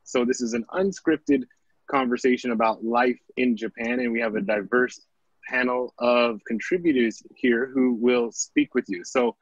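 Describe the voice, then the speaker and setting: A man's voice: medium pitch, fairly even intonation, normal speed, slightly rough, no echo. A man from the United States moderating a casual online panel discussion and steering the conversation. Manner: friendly, steering the talk. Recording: dry, dull online call audio.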